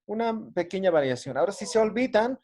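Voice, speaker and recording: Patient male language teacher, slightly high voice. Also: sing-song, quick pace, a little mellow. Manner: patient, drills greetings, ends phrases with "¿no?". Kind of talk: online class.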